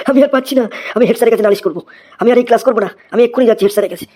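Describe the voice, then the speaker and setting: A flustered new male schoolteacher in a cartoon comedy, as voiced by an actor, rattling off quick complaints. He exclaims and scolds, exasperated by everyone around him. The pitch sits at a middling level. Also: warm tone, soft background music, close to an everyday voice.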